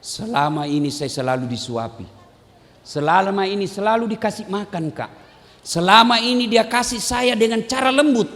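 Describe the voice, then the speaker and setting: A man preaching voices a blind old man in a market who shouts insults and later speaks with regret. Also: very high-pitched, moderate pace, voice pushed up. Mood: tearful remorse. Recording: reverberant mosque hall over loudspeakers.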